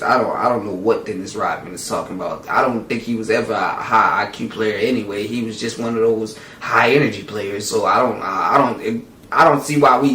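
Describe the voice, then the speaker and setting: A man's voice: mid-range voice, fairly bright tone, a little hiss or hum. A man hosting a reaction channel, chatting casually about basketball and often saying "you know what I'm saying". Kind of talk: casual commentary on a clip. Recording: echoey room, far from mic.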